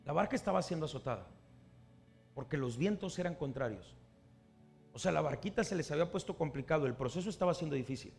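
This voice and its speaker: A man's voice: on the high side, animated, fast, gravelly, darkish tone, soft background music. A man preaching a sermon, asking his listeners questions and acting out the people he quotes. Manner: asks the congregation questions and acts out the people he quotes.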